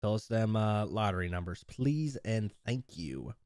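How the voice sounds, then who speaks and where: A man's voice: lowish voice, expressive, unhurried, a little mellow, dry recording, studio quality. Chatty, laughing male live streamer. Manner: casual, chatty, laughs often, reads chat aloud. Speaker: streamer and host. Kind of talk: live stream chat and roleplay commentary.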